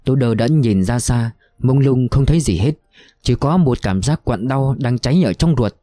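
A man narrating a war novel in a somber, steady reading voice. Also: medium pitch, moderate pace, no echo, soft background music. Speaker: audiobook narrator.

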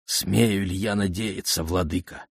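A man's voice: fairly even intonation, vocal fry, husky, no echo, studio quality, full character voice. A man doing a humble old messenger. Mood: deferential. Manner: deferential, slow and low. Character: old weather-beaten male royal messenger, humble.

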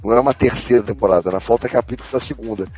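Fast-talking Brazilian man. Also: medium pitch, mellow, faint music behind. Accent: Brazilian Portuguese. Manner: fast, enthusiastic recommendations. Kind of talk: casual podcast banter.

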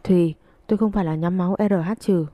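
A woman's voice: fairly low pitch, steady tone, fast talker, warm tone, no room sound, close to an everyday voice. A woman reading the lines of a troubled young man who answers in short, firm, reassuring words. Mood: tense.

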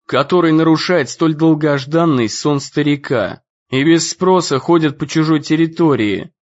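A man voicing a stern, formal old gentleman who speaks slowly and strictly in an audiobook. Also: a little high, muffled recording, close to an everyday voice. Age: over 60. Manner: slow, measured and strict.

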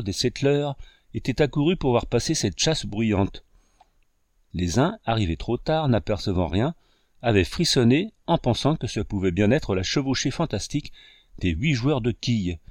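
A man reading an adventure novel aloud in measured, scripted narration. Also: medium pitch, lively intonation, darkish tone, dry recording, clean studio sound. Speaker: audiobook reader.

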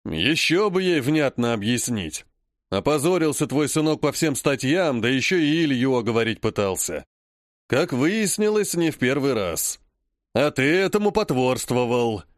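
A man voicing a grumbling old grandfather, the head of a noble clan, who speaks slowly and scolds. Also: mid-range voice, big pitch swings, dry recording, studio quality, natural voice. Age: over 60. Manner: slow, grumpy, scolding.

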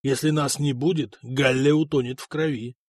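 A man's voice: mid-range voice, fairly even intonation, normal speed, no room sound, clean studio sound, close to an everyday voice. A man voicing an old grey-haired king who speaks in a blunt, commanding, scornful way. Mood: stern, commanding.

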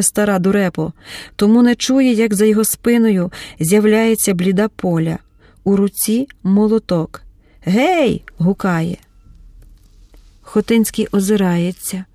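Audiobook narrator, woman, mellow tone, close dry recording, dramatic delivery with voiced characters. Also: dry recording. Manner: shifts pitch and pace to voice the characters.

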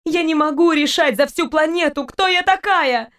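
A defiant young heroine in a storybook, voiced by a woman reader, sharp and pleading. The voice sits high, and the lines come out as outbursts. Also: normal speed, lightly acted. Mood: desperate.

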